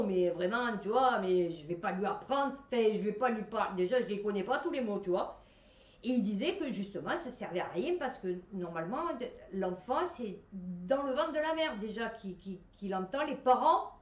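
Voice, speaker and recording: A woman's voice: fairly high pitch, reverberant, distant mic, dull audio. A woman with a Marseille accent reads science headlines and chats about them casually, with many fillers and restarts. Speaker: host reading science news. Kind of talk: casual commentary on news articles.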